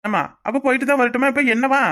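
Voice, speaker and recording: A woman's voice: sits high, steady tone, rapid-fire, fairly bright tone, voice pushed down. A woman voicing a grown son in a cartoon, reasoning between his mother and wife with a Kanyakumari Tamil accent. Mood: questioning.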